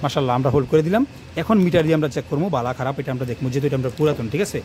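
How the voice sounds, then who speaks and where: This electrician, a man with a slightly high voice, races through a hands-on wiring tutorial for his channel, rambling and repeating himself as he works. A phone camera propped nearby records him against a noisy background.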